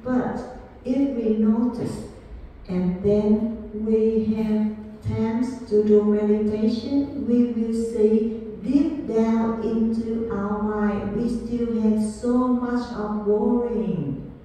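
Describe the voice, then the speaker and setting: A woman giving a Buddhist dharma class, speaking deliberately and repeating key phrases to her students. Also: fairly high pitch, fairly even intonation, warm tone, soft background music. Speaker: Buddhist teacher. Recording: echoey hall, far from mic.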